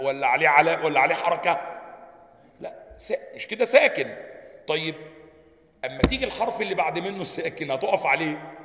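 A fairly high, gravelly male voice with an Egyptian accent, teaching a classroom lesson as a sheikh. He reads lines from a book and then explains them, keeps asking listeners questions and answers them himself. The sound carries a long, roomy reverb. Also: a bit bright. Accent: Egyptian Arabic. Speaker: sheikh teaching Quran sciences. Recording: echoey hall with long reverb.

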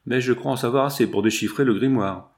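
A man reading aloud, voicing a gruff male renegade bandit with a dry, wry manner. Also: medium pitch, fast talker, lightly acted.

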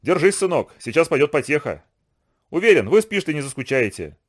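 A man voicing an easygoing, cheerful father who jokes calmly, with a lively, wide-ranging delivery. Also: on the high side. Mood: jovial. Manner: jovial, unhurried.

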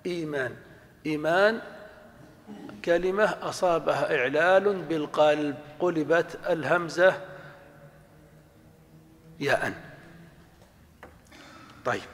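A man's voice: fairly high pitch, takes it slowly, pauses often, a bit bright, in a large hall, slight background noise. A male professor giving a classroom lecture, putting questions to the class and answering them himself. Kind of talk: classroom lecture on Arabic morphology.

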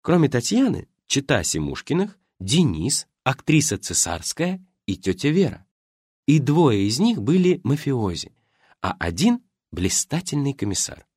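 A man narrating an audiobook with expressive storytelling. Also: mid-range voice, unhurried, breathy edge, dry recording, studio quality.

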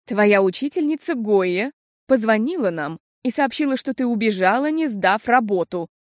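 A woman reading an audiobook, voicing a worried but steady mother who speaks earnestly and deliberately. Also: fairly high pitch, dry recording, clean studio sound, natural voice. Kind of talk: audiobook character voice.

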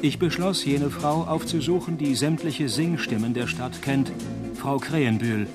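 A man performs a cynical noir detective for a radio play. He is dry and deadpan, wisecracking his way through hardboiled lines. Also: medium pitch, measured pace, over loud music, close to an everyday voice. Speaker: narrator and lead actor of a detective radio play. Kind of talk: noir detective parody radio drama, first-person narration.

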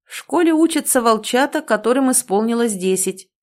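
Young male guide voiced by a woman, calm, sure, steady, plain delivery, storybook reading. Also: a little high, a little fast, voice pushed up, natural voice.

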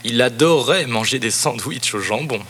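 A man narrating a children's storybook cassette in a lively, expressive read-aloud voice. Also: mid-range voice, moderate pace, very noisy. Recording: cassette narration over background music.

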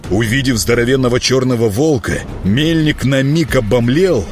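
A man reading a fantasy audiobook, storytelling with lively delivery. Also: mid-range voice, normal speed, soft background music. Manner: lively storytelling, voicing characters. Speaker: narrator. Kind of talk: audiobook narration.

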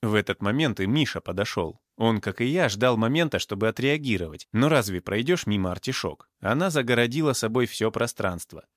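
A man narrating an audiobook in a lively storytelling manner. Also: on the low side, brisk, hardly any pauses, no echo, studio quality. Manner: lively storytelling, soft asides.

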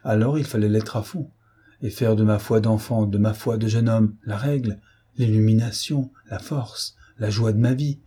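A man's voice: on the low side, fairly even intonation, moderate pace, dark tone, slightly rough. A man doing a bitter, reproachful young son. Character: embittered young man accusing his parents.

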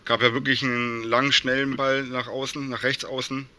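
A man's voice: mid-range voice, flat delivery, moderate pace, pushed and bright. A man talking casually about football as a fan guest on a podcast.

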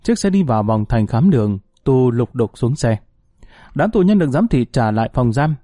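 Mellow male audiobook narrator. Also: medium pitch, sing-song, normal speed, dry recording, clean studio sound.

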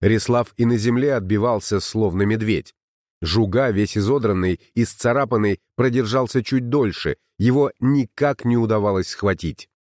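A man reads an adventure tale in a low voice and a steady storytelling manner. The recording is dry and close, with no room sound. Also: moderate pace, no room sound. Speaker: narrator. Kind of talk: audiobook narration.

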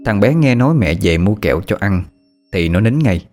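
Low-voiced male storyteller. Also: very animated, moderate pace, darkish tone. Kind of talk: scripted story narration. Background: faint music.

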